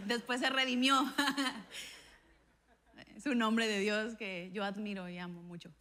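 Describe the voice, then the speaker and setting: A woman pastor preaching a sermon and telling a personal testimony, acting out the dialogue in her stories with an animated voice. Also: medium pitch, slow. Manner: animated storytelling, acts out dialogue with a raised voice.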